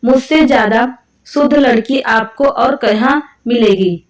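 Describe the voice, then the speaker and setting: A woman voicing a calm, educated young working wife who argues her point patiently. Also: fairly high pitch, a little slow, roomy sound, far from the mic, natural voice. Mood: reasoning. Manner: calm, reasoning.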